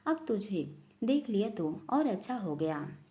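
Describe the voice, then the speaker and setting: A kindly old father speaking fondly to his son, as a woman storyteller voices him. The tone is soft and mellow. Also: mid-range voice, sing-song, a little slow. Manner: gentle, fond.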